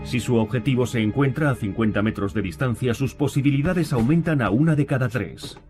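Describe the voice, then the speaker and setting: A man's voice: medium pitch, fairly quick. A man reading scripted narration for a history documentary. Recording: music behind the voice.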